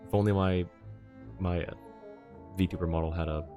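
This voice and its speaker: A man casually commentates on a game livestream, musing aloud, sometimes trailing off, and reading dialogue choices aloud. His voice is low with fairly even intonation at a moderate pace, and game music plays behind him.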